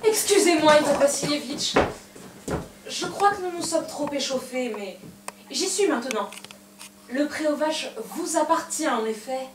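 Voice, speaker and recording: A woman playing a stubborn, excitable young daughter in a stage farce, exclaiming insistently and melodramatically. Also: high voice, measured pace. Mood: placating. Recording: echoey stage, distant mic, clear noise.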